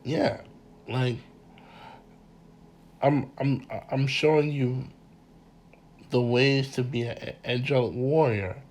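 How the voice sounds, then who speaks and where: A man with a congested voice giving an informal mini lecture, halting and repeating words as he speaks earnestly to his listeners. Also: medium pitch, steady tone, a little mellow, slight background noise. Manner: earnest, addresses listeners directly. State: congested from a cold.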